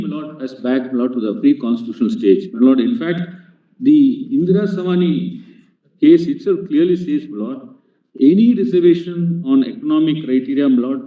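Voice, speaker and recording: A man arguing a legal case before a court, formally addressing the bench with "my lord" at nearly every phrase. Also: on the high side. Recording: tinny, echoey courtroom feed from a distant mic.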